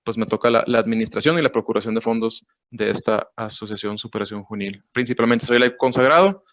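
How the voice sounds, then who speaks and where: A man from Monterrey, introducing himself in a measured, formal way over a video call. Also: lowish voice, fairly bright tone, dry recording. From Monterrey, Mexico. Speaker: director of a youth association. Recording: dull, dry video-call audio.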